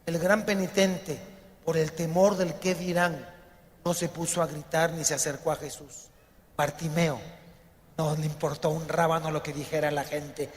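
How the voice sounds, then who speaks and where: A priest delivering a dramatic sermon, shouting some lines and acting out the voices of the people in his story. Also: on the high side, little pitch movement, moderate pace, slight background noise. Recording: long hall reverb.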